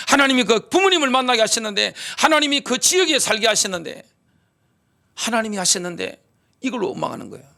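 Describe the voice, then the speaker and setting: A man preaching to his congregation in a high, bright voice with a gravelly edge. He keeps firing rhetorical questions and answers them himself with force. He clears his throat between points. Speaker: pastor. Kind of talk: sermon. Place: church sanctuary.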